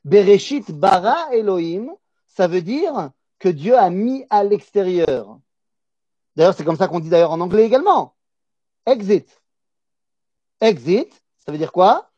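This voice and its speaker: A man's voice: high-pitched, very animated, a little slow, long pauses, dark tone, dry recording. A man with a Polish accent giving a religious lesson. He is emphatic, repeats key words and asks and answers his own questions. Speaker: Torah teacher. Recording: dull, dry lo-fi recording.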